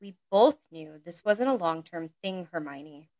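A woman's voice: on the low side, lively intonation, a little slow, darkish tone. A woman reading the lines of a young man casually dumping his girlfriend, without changing her voice. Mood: dismissive. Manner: reads the role in her own plain voice. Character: young man, a breezy, dismissive boyfriend. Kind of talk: podcast fan-fiction reading.

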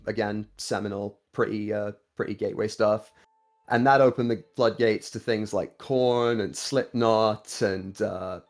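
A young man from Kuwait, a band singer, chatting casually as a podcast guest and reminiscing. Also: medium pitch. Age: young adult.

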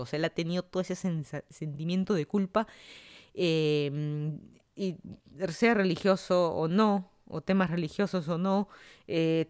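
A man's voice: high voice, a little mellow, clear, resonant tone. A man talks through the week's news as a podcast host. His delivery is casual and musing. He thinks aloud and often breaks off to restart a sentence. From Peru. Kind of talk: casual news commentary monologue.

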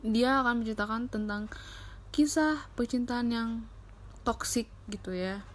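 A woman's voice: on the high side, unhurried. A young woman hosting a casual, slangy podcast, with an impediment that slurs her r sounds. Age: young adult. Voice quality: slurred r sounds, a speech impediment. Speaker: podcast host.

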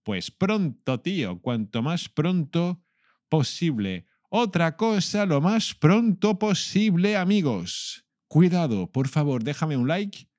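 A playful man from leads a bilingual language lesson, repeating phrases slowly. His delivery is unhurried and his pitch swings in a lively way. The recording is close and dry. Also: no echo. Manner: playful, switching between Spanish and English, repeating phrases slowly. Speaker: Spanish teacher.

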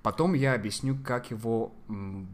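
Male podcast guest, mid-pitched, explaining self-help practice conversationally, hesitant as he hunts for Russian words. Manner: halting, searching for Russian words.

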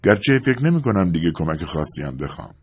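A man reading an audiobook, voicing a gentle, polite older woman neighbor in a softly raised voice. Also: low-pitched, sing-song, husky, heavily acted. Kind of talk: audiobook character voice.

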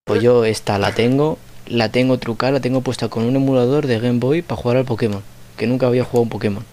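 A man's voice: mid-range voice, steady tone, fast, darkish tone. A young man, chatting casually as a podcast co-host and telling a long, rambling story full of fillers. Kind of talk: casual chat.

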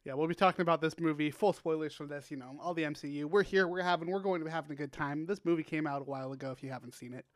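A man's voice: a little high, very fast, few pauses, no echo. A man hosting a casual podcast, upbeat and rambling with plenty of fillers. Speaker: podcast host.

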